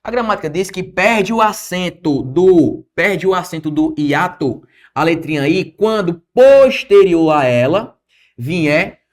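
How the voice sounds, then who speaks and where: A Brazilian man teaching an online exam-prep grammar lesson, talking lively and answering his own questions as he goes. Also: a little high. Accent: Brazilian Portuguese.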